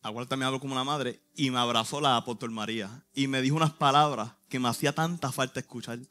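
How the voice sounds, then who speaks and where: A man's voice: mid-range voice, steady tone, fast talker, pushed and bright. A man, a youth pastor giving an earnest, emotional church testimony in short phrases. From Puerto Rico.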